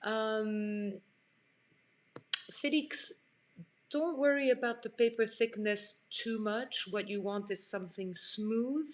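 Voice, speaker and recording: She has a fairly high voice and takes her time speaking. A woman in her forties from France, she hosts a live online art class indoors at home, drawing while she chats casually and responds to what viewers write.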